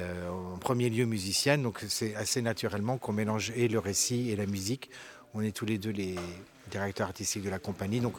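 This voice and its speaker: A man who is a storyteller and co-director of a theatre company, answering an interview casually with many hesitations and repeated words. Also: fairly low pitch.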